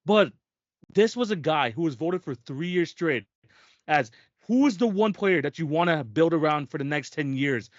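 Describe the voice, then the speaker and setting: A man's voice: a little high, expressive, normal speed, no echo, highs cut off. A man co-hosting a sports podcast, talking in casual chat with emphatic, restarting sentences. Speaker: podcast co-host.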